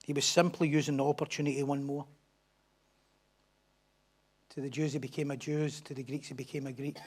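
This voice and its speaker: A man's voice: mid-range voice, flat delivery, quick pace, breathy edge. A middle-aged man, a pastor delivering a sermon with emphatic, repetitive lines and rhetorical questions.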